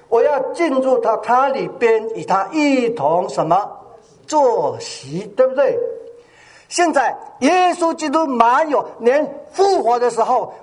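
An older male pastor preaching a sermon, asking his congregation questions and drawing answers back from them. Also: very high-pitched. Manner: call-and-response with the congregation, animated.

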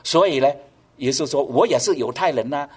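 A man's voice: mid-range voice, lively intonation, a little fast, husky. A man preaching a sermon, asking the congregation rhetorical questions and pushing his voice up for emphasis. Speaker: pastor.

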